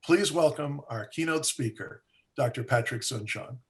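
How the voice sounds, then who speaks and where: A man's voice: mid-range voice, moderate pace, fairly bright tone. A man hosting an online forum, reading a formal introduction of the keynote speaker. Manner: formal, reads a list of titles.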